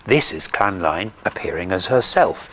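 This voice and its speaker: A man's voice: sits low, lively intonation, normal speed, fairly bright tone, slight background noise. A man reading scripted documentary narration with polished, dramatic storytelling phrasing.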